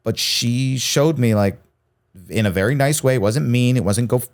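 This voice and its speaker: A man's voice: mid-range voice, normal speed, clear, resonant tone. A man co-hosting a podcast in casual chat, telling stories and acting out the voices of the people in them. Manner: animated storyteller, acts out quoted voices. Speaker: podcast co-host, stand-up comic.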